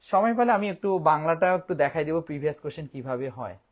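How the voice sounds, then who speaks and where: A man leads an online Bangla grammar lesson. His voice sits a little high for a man. He slows right down to spell words letter by letter and fills gaps with hesitations and restarts. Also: lively intonation. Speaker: Bangla teacher.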